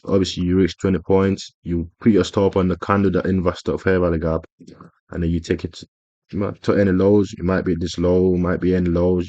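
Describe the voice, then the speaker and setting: A man's voice: deep voice, dark tone, no room sound, lo-fi sound. A man explaining a trading strategy over his screen in a casual tutorial, rambling with frequent fillers and self-corrections. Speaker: trading educator.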